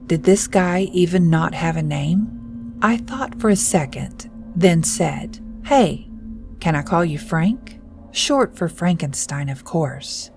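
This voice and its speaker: Woman, horror story narration, lower voice, mellow dark tone, hushed in places. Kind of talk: scripted first-person horror narration.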